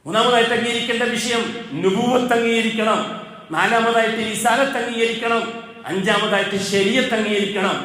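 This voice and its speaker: A man with a Kerala Malayalam accent delivering a Friday sermon in a mosque, chanting Arabic verses slowly and then explaining them with force. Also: fairly bright tone. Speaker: preacher giving a Friday sermon. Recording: booming echo of a mosque hall.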